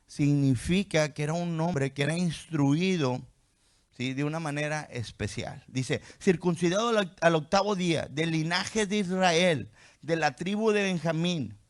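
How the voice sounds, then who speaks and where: Spanish-speaking pastor preaching with rising intensity. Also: male voice, a little high. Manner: reads scripture aloud, then explains with rhetorical questions; adds "¿sí?" checks to the congregation. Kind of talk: sermon.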